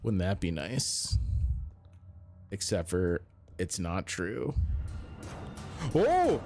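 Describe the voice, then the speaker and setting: A man's voice: sits low, slow pace, gravelly, a little mellow. Man musing through a game over music. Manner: musing, self-questioning. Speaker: video game streamer. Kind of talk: casual gameplay commentary, thinking aloud.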